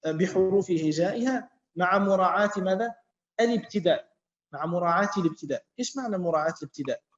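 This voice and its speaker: A man with a high voice teaches a class. He speaks slowly, repeats key words and keeps quizzing his students. The sound is echoey and muffled. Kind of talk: classroom lesson with student questions.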